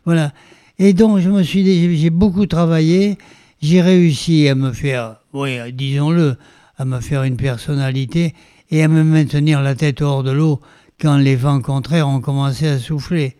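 Animated older French man, resonant voice. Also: fairly high pitch, normal speed, clean tone, no room sound. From France. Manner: animated, theatrical storyteller with many restarts. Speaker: guest, veteran stage performer. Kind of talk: interview, autobiographical storytelling.

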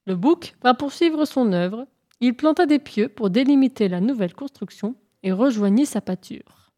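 A woman narrating folk tales for a storybook, reading calmly and evenly. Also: on the high side. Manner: calm, measured narration.

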